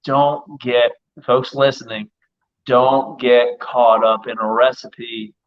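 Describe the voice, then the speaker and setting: A man speaking as a guest chef in a casual live-stream chat, telling stories in an excitable, rapid way. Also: mid-range voice, muffled recording.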